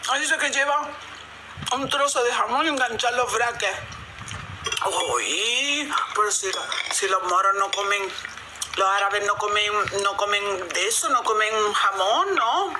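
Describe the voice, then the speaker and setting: A middle-aged Andalusian woman hosts a casual livestream, chewing as she talks. Clear noise sits behind her voice, as recorded on a phone indoors at home. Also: medium pitch, measured pace. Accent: Andalusian Spanish. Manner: chewing while talking, eating spaghetti. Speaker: livestream host. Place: home dining area, indoors. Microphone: phone at arm's length.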